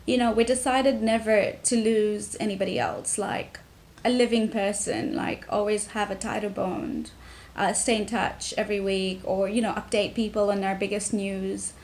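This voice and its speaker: A young woman from Tanzania, talking to camera about her family in a reflective way, with many pauses and restarts. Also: mid-range voice, flat delivery, a little mellow, a little hiss or hum. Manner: reflective, frequent ums and restarts. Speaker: vlogger. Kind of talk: personal talk to camera.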